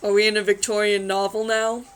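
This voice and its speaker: A woman's voice: medium pitch, level tone, brisk, smooth, rough recording. A woman reading a magazine story aloud in a casual group chat, adding wry, sarcastic asides.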